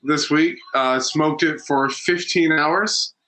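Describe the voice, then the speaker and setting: A man's voice: fairly high pitch, steady tone, slow, sharp tone, low-quality recording. A man co-hosting a casual watch-along podcast, rambling with many fillers and restarts. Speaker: podcast co-host. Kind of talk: casual chat.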